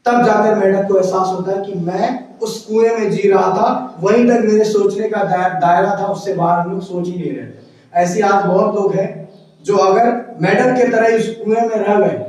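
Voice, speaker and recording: A man's voice: high voice, fairly even intonation, normal speed, darkish tone. A man telling a motivational story in a loose, chatty way, often quizzing his listeners. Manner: chatty, keeps asking the listener questions. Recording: very echoey room, far from mic.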